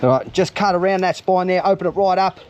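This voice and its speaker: A man's voice: high voice, fast talker, darkish tone, muffled recording, a little hiss or hum. An Australian man hosting a fishing and cooking vlog, chatting casually and upbeat to his viewers. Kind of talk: casual outdoor vlog commentary.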